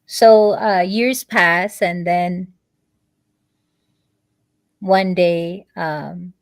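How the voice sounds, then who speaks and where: A woman, a guest in a conversation, telling a long story in a halting way, pausing on many fillers and restarts. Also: fairly low pitch, steady tone, dry recording.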